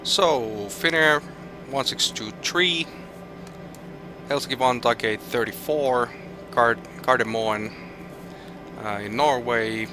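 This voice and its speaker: Over background music, this Finnish-accented man, from Finland, speaks in a mid-range voice at a slow pace with long pauses. He is streaming a flight simulator, thinking aloud in live commentary and restarting hesitantly as he reads out weather and route numbers.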